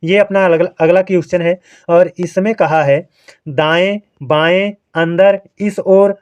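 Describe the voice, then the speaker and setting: High-voiced male grammar teacher, lo-fi. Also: fairly even intonation, slow pace, smooth. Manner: explains step by step, checks in with the listener. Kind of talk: exam-prep grammar lesson.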